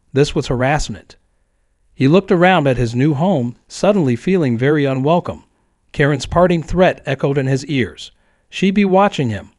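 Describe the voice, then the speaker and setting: A man reading a scripted neighborhood story in a steady, even storytelling manner. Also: fairly high pitch, no room sound, studio quality. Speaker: narrator.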